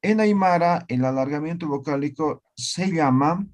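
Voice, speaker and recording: A man teaching a language class online, slowly repeating words and often checking that students follow. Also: fairly high pitch, darkish tone.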